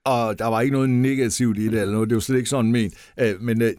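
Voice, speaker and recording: A man's voice: mid-range voice, steady tone, darkish tone, dry recording, clean studio sound. A man hosting a podcast interview, friendly and full of fillers as he asks questions. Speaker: podcast host.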